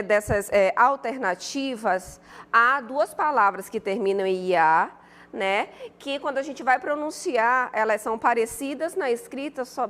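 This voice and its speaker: A woman's voice: a little high, in a large hall. A woman from Brazil, a Spanish teacher, patiently going through an exercise in an online class, repeating herself and reading out student answers. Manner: patient, repetitive, reads student answers aloud.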